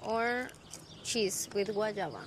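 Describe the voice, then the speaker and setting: A woman in her twenties speaks at a slow pace with lively intonation over a noisy background, her voice mid-range and her accent Colombian Spanish. In this film dialogue, she plays the lead, a playful young woman who chats, teases, and laughs easily while patiently teaching a visitor to pronounce words.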